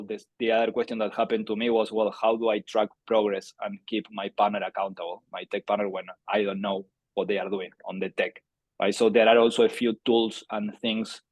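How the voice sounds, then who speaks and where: A startup founder in his thirties from Argentina presents a webinar, his fairly low voice carrying a strong Argentine accent; Spanish is his first language. He's chatty and conversational, full of fillers and restarts, and the recording has no echo.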